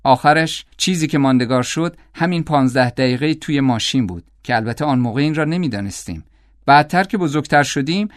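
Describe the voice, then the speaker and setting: A man reading an audiobook in a measured, calm storytelling manner. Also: medium pitch, no echo, clean studio sound. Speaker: audiobook narrator. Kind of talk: scripted audiobook narration.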